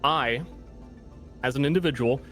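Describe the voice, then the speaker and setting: A man's voice: medium pitch, normal speed, a bit bright. Man chatting casually over faint music. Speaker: gaming co-streamer. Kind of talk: casual chat and storytelling.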